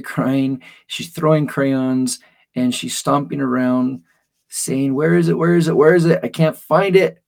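A man of middle pitch tells a parenting anecdote step by step in an explanatory podcast style. His voice has a noticeable gravelly fry. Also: a little mellow. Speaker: mentor explaining emotions. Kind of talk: podcast storytelling.

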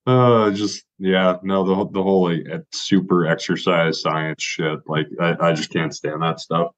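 A man's voice: low-pitched, level tone, moderate pace. A man hosting a casual podcast chat, laid-back, asking questions and swearing casually. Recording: dull lo-fi podcast audio.

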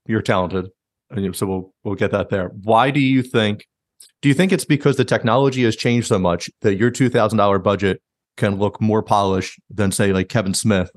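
A man's voice: on the low side, dry recording, studio quality. A man hosting a podcast interview, asking long, winding questions in a casual way. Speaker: podcast host.

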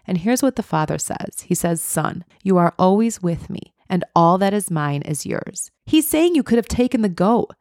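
A woman co-hosting a casual faith podcast, retelling a parable with lively, playful character voices. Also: lowish voice, moderate pace, hardly any pauses, no room sound, clean studio sound. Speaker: podcast co-host.

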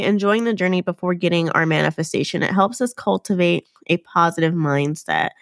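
This woman hosts her own podcast, speaking on the low side with vocal fry and a cold-induced nasal tone. Her casual, upbeat chatter with listeners is full of fillers and self-corrections, captured in clean studio sound without room echo.

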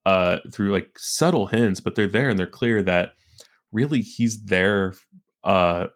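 A man with a deep, low voice chatting on a film podcast. His speech is halting, full of restarts and repeated words. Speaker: podcast co-host. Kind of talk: casual film discussion.

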